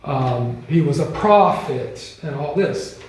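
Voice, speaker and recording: Slow, roomy-sounding man teaching Bible class. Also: on the high side, lively intonation. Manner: chatty, loose, with frequent ums and acted-out quotes. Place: church classroom. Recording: echoey room.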